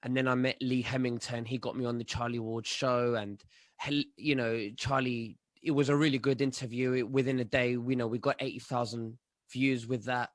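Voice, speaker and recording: A man, answering interview questions in a halting way, full of fillers and restarts, over a remote call. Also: mid-range voice, level tone, dry recording, clean studio sound. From London, England. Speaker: guest, online commentator.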